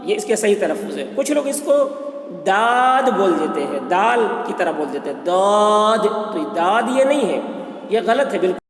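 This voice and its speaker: A man's voice: sits high, big pitch swings, faint music behind. A man teaching the pronunciation of letters, stretching out each letter in a sung tone between plain explanations. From India. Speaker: Quran reading teacher. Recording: echoey, reverberant room.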